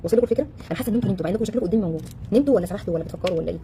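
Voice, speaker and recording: Rapid-fire Egyptian woman coaching an audience. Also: medium pitch, background noise. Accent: Egyptian Arabic. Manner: animated, full of rhetorical questions; acts out quoted voices. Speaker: relationship coach. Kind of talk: casual talk to a live audience.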